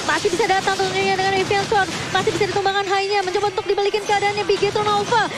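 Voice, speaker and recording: A woman esports commentator calling live play-by-play in an excited fighting game announcer style that rises to shouts. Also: very high voice. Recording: loud music under the voice.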